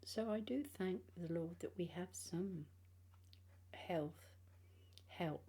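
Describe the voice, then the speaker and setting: Older british lady w missing front teeth, tired n rambling vlog chat, husky and soft-toned. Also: on the low side. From England. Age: 60s or older. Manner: halting, rambling, trailing phrases. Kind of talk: casual personal vlog chat.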